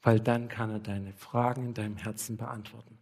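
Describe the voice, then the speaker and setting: A man's voice: fairly low pitch, moderate pace, creaky, husky. A man preaching a sermon as pastor, telling a story vividly and speaking directly and earnestly to his listeners. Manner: lively storytelling, acting out dialogue.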